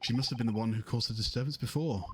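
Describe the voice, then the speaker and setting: A man's voice: medium pitch, racing, noisy background. Laid-back guy streaming a game. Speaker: streamer, host. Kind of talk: casual chat while reading a game.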